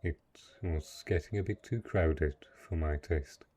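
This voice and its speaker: A man plays a lonely, gentle, possessive dark knight in an intimate fantasy audio roleplay, his rumbling low, husky voice heavily acted as he speaks softly and haltingly. The mood is quietly possessive.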